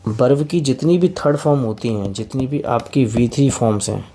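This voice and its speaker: A man with an Indian accent teaching English grammar to students in Hindi. He reads the English sentences slowly and calls his students kids and friends. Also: mid-range voice, warm tone.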